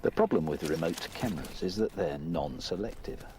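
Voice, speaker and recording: A man's voice: low-pitched, normal speed, a little mellow. A man working as a wildlife camera operator, explaining things informally in a nature documentary. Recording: clear background noise on location.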